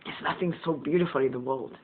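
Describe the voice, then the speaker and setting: The motivational channel host speaks quickly here, his medium-pitched voice carrying a breathy edge through a tinny, phone-like sound. It's a casual spiritual monologue from a first-language Southern Sesotho speaker who rambles, chuckles a lot, and stays gentle and earnest.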